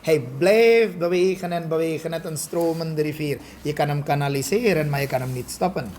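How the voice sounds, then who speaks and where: A man, a spiritual teacher, giving a study lecture and often checking in with a quick "ja?" and a rhetorical question. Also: a little high, a little mellow, a little hiss or hum. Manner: explains with frequent rhetorical questions and "ja?" checks, mixes in English phrases.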